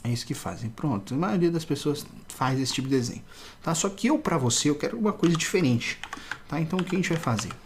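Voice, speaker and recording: A man's voice: a little high, expressive, fast. A man teaching a casual drawing tutorial, explaining step by step and often checking in with the viewer.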